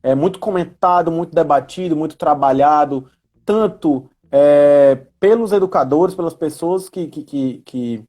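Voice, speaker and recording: His voice is on the high side, mellow, and unhurried. As an educator guesting on a live chat, this man from Ceará speaks with a Northeastern Brazilian accent, giving casual, conversational explanations and often checking in with tag questions.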